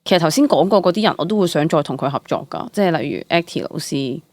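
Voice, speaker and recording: A stage actress in her late twenties with a Hong Kong Cantonese accent chats casually as an interview guest, speaking fast in a low voice. She tells her stories animatedly with exclamations and mixes in English words; the recording is dry.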